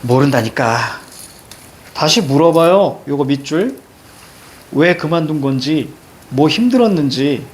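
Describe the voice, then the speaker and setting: A male teacher lecturing his class on a novel, chatty and animated, talking straight to the students. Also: a little high, unhurried.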